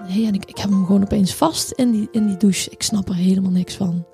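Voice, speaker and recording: A woman in her thirties telling a personal story in a halting, reflective way, with many restarts and fillers. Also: mid-range voice, fairly even intonation, gravelly, mellow, faint music behind.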